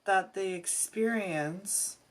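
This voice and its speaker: A woman giving an intuitive tarot reading, musing aloud in a halting way, often restarting her sentences and sometimes getting emotional. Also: medium pitch. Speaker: tarot reader.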